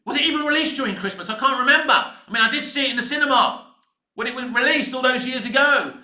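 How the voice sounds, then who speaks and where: Again the fifty-something British film vlogger vents in a casual, opinionated way, repeating himself, cursing mildly and sounding emphatic and fed up. His voice is very high-pitched, fast and sharp, bouncing around an echoey room.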